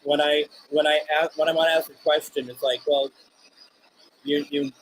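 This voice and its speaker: Earnest soft-spoken male host. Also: a little high, steady tone, slight background noise, rough recording. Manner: earnest, halting, speaks softly to spirits. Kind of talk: live paranormal radio session.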